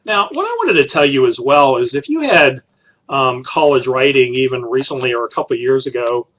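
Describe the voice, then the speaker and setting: A middle-aged man introduces his college writing course at mid pitch. He rambles and corrects himself, dropping fillers as he goes. The recording sounds slightly muffled and lo-fi. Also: animated, fairly quick.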